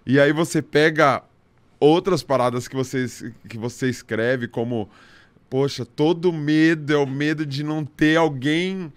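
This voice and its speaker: A man with a Brazilian Portuguese accent hosting a casual podcast interview, talking in a slangy, halting way full of restarts. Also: fairly high pitch, clear, resonant tone, no room sound. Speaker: podcast host.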